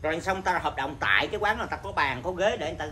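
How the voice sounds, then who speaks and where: A Buddhist monk teacher giving an informal dharma talk, blunt and scolding, with a naturally loud voice. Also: male voice, a little high, expressive, fast talker, a little hiss or hum.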